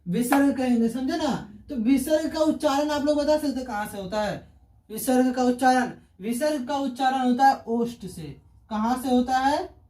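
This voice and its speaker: High-voiced teacher quizzing and answering himself. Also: male voice, moderate pace, a little mellow, slight background noise. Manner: asks questions and answers them himself, repeats key terms. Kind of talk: online grammar lesson. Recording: roomy echo, distant from the mic.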